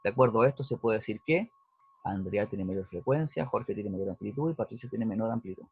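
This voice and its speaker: Teacher explaining over tinny audio. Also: male voice, lowish voice, brisk. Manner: explanatory, checks in with "¿cierto?" and "¿ya?". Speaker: physics teacher. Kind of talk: recorded lesson walkthrough. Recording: dry, husky, phone-like narrowband audio.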